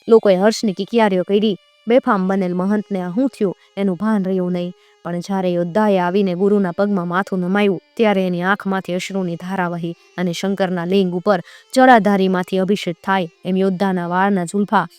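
A woman narrating a dramatic historical folk tale, lending the story an expressive voice. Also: fairly low pitch, dry recording. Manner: expressive, raises voice for shouted lines.

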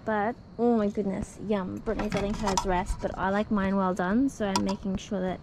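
A woman's voice: mid-range voice, level tone, moderate pace. A young Australian woman vlogging a camping trip, chatty and upbeat with casual slang, recorded outdoors on a camera. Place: outdoor beach campsite. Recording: outdoor camera with clear background noise.

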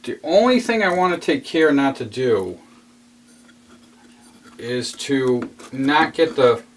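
A man's voice: mid-range voice, expressive, slow, slight background noise. A man casually narrating a step-by-step model railroad how-to while he works at his layout, repeating himself as he explains. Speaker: model railroad hobbyist demonstrating. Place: hobby room at a model train layout.

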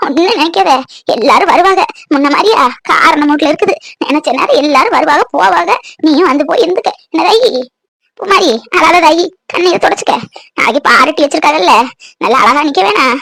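A woman's voice: high voice, animated, brisk, creaky, fairly bright tone, no echo, heavily acted. A soothing old grandmother. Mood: coaxing. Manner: coaxing, tender scolding. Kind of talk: cartoon voice acting.

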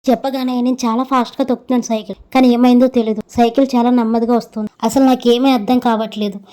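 A woman narrating a first-person horror story in an even, measured reading. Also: a little high.

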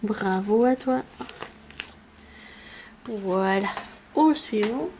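A woman's voice: medium pitch, mellow, slight background noise. A woman YouTuber casually announcing giveaway winners, hesitant and full of fillers. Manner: slow, hesitant, many fillers. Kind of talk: casual vlog chat.

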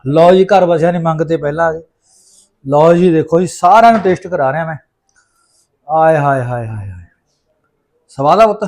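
A man's voice: sits high, darkish tone. A man with a Punjabi accent hosting a casual home food vlog, exclamatory and fond of repeating catchphrases to his viewers. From Punjab, India. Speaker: vlog host.

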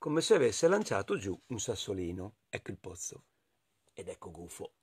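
A man with an Italian accent reading a children's picture book aloud, expressive and playful, talking to his listeners. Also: low voice, moderate pace, slightly rough. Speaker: storyteller.

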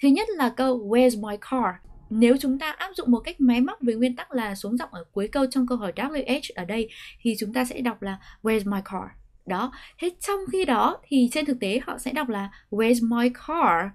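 A woman with a Vietnamese accent gives a pronunciation lesson in a fairly high voice. She explains clearly and patiently, and she slows down whenever she models an English example sentence. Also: animated, darkish tone.

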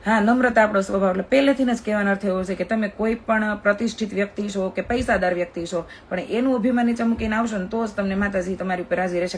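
Woman, 30s, Kathiyawadi Gujarati accent, rapid chatty storytelling, faint ambience behind. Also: mid-range voice, slight background noise. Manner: chatty, fast-talking, emphatic. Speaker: social media influencer. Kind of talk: live video storytelling.

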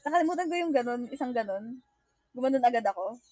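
A woman's voice: on the high side, expressive, fast, darkish tone, no room sound. A young woman chatting casually with fans on a livestream, giggly and emotional, mixing English into her talk. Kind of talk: casual livestream chat reading fan comments.

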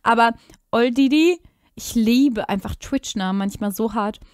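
A woman streamer reacting to clips live, chatty and excitable, dropping in English exclamations. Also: fairly high pitch, unhurried, clean tone, no echo, clean studio sound.

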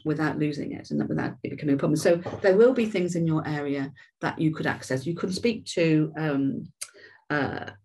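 Speaking a little fast in a low, husky, slightly mellow voice, a female care trainer runs a relaxed webinar. Her talk is chatty, and she often restarts sentences and repeats words.

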